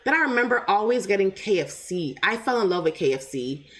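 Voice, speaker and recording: A woman's voice: medium pitch, brisk. A woman vlogger telling stories casually and animatedly, acting out what people said. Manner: animated, acts out remembered quotes. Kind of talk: casual storytelling.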